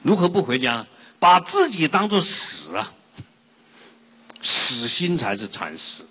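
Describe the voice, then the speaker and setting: Animated monk preacher, bright and husky, in a reverberant hall. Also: male voice, fairly high pitch, a little slow. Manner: lively and rhetorical, asks the audience questions. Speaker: Buddhist monk giving a dharma talk. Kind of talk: sermon with storytelling.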